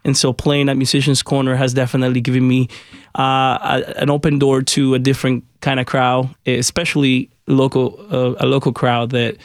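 A man from Honduras, guesting on a radio interview, talks in a friendly, chatty way with plenty of uhs. His pitch stays mid-range and fairly even, and the sound is close and dry. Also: brisk, no echo. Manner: friendly, talkative, with fillers. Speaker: guest musician.

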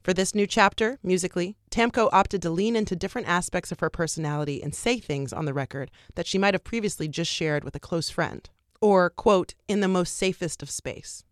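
A woman's voice: on the low side, fairly quick, no echo, clean studio sound. A woman radio host reading scripted narration for a music feature.

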